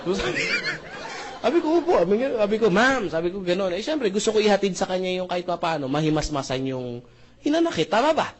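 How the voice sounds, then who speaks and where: Brisk, very animated, and high-pitched, a man walks a seminar crowd through a marketing plan with slight background noise audible. He mixes Tagalog and English, cracks jokes, often asks "tama ba?", and politely uses "po" and "mga brother, mga sister".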